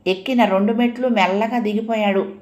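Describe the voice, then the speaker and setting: A woman reading a story aloud in a gentle, unhurried storytelling manner. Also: mid-range voice, steady tone. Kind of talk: audiobook story narration.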